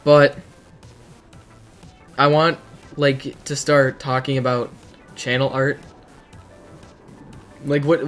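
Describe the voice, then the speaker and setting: Streaming from a dim bedroom, a teenage boy reacts to his chat in a casual, rambling way. His voice is mid-range and fairly bright, though hoarse from hours on stream.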